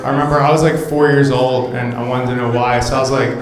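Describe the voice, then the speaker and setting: A man's voice: medium pitch, little pitch movement, fast. A man in his thirties doing a brash stand-up comedy set, working the crowd and slipping into mocking voices. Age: 30s. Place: comedy club stage before a laughing crowd. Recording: roomy club sound with loud crowd.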